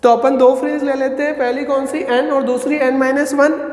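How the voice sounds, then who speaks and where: A man's voice: very high voice, flat delivery, moderate pace, darkish tone. A man teaching physics, posing questions to the class and answering them himself as he derives formulas. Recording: roomy echo with long reverb.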